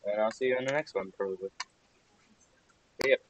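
Low-voiced guy muttering over his gameplay stream, annoyed and self-mocking, clicky noisy mic. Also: moderate pace. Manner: frustrated, self-mocking, muttering asides while playing. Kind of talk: casual gaming livestream commentary.

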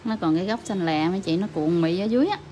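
A woman nail technician with a Southern Vietnamese accent, gently reassuring her client and explaining to viewers as she works. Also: lowish voice, very fast, slight background noise. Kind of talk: livestream commentary while working.

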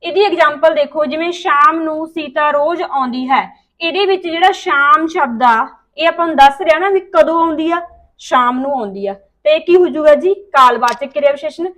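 A woman's voice: sits high, a little fast, fairly bright tone. A woman teaching grammar, asking the class questions and then answering them herself. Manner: Punjabi-style informal speech. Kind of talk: explaining grammar to students.

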